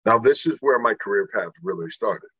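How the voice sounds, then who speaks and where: A man's voice: on the low side, lively intonation, fairly quick, sharp tone, slightly rough, no echo, muffled recording. A middle-aged man from Indiana, a guest telling his life story earnestly and acting out the people in it. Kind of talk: personal storytelling in an interview.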